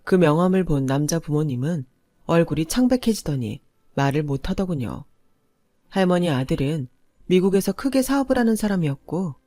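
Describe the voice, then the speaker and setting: A woman narrating a first-person story in a steady storytelling manner. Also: lowish voice, dry recording, studio quality.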